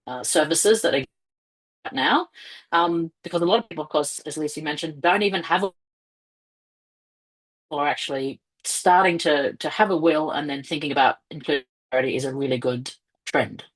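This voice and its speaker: Low-voiced woman on a choppy, breaking-up video call. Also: normal speed, poor audio. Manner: explanatory, with frequent fillers. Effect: choppy, breaking-up internet call audio. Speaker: fundraising presenter. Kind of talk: online webinar presentation. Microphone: headset on a video call.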